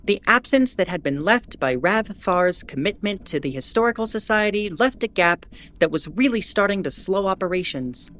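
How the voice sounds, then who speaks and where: A woman playing a starship captain who gives formal, measured bulletins with dry asides in an audio drama. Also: medium pitch, fairly bright tone, natural voice. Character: female starship captain reading an official ship bulletin. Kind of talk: scripted in-character announcement, audio drama.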